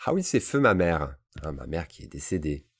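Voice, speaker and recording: Deep-voiced male teacher, bilingual lesson, casual and repetitive delivery, checks in often. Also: big pitch swings. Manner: explains in French, models English phrases slowly and repeats them; casual asides with frequent "d'accord?" checks. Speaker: English teacher.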